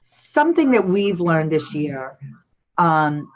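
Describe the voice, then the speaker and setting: A woman's voice: sits low, sing-song, slow, lo-fi sound. A woman host with a Brooklyn accent, chatty and self-deprecating as she interviews a guest. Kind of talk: casual interview chat.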